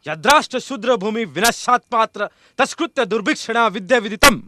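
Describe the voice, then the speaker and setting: A man's voice: high voice, lively intonation, a little fast, bright, forceful tone, no echo, studio quality. A man playing a stern, chanting priest. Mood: solemn. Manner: chanting, solemn. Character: stern priest reciting scripture.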